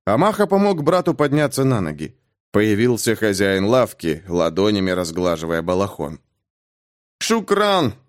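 A man reading a thriller novel aloud as an audiobook narrator, with expressive, dramatic delivery. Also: lowish voice. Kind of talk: scripted narration.

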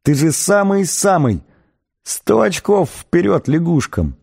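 A man voicing a hysterically laughing, hoarse-voiced man in an audiobook, with shrill, manic delivery. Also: sing-song, slow, darkish tone, exaggerated voice. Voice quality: hoarse, cackling. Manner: shrill bursts between giggles. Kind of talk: audiobook character voice.

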